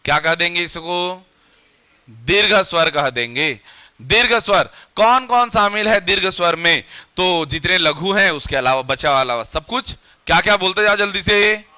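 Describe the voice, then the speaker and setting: A man with a high, very bright voice teaches a grammar lesson to a classroom. He keeps firing questions at the students and repeats their answers back to drill them. The sound is dry and close. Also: lively intonation, normal speed, smooth, no echo.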